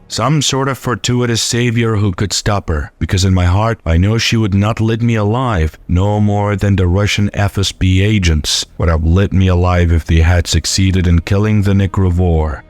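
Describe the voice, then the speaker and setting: Male horror narrator, low voice, measured delivery over faint music. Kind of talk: scripted horror story narration.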